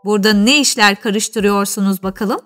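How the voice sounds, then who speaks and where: A woman's voice: medium pitch, moderate pace, a bit bright, faint music behind, lightly acted. A woman reading a storybook aloud and voicing a furious, imperious queen who barks harsh commands. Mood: imperious, shouting.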